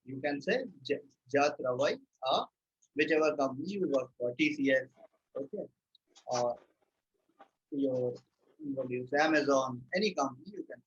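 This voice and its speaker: A man's voice: medium pitch, moderate pace, long pauses. A young man with an Indian English accent teaching a live language lesson, patiently repeating words and checking in with "right?" and "okay". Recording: dull lo-fi stream audio with faint noise.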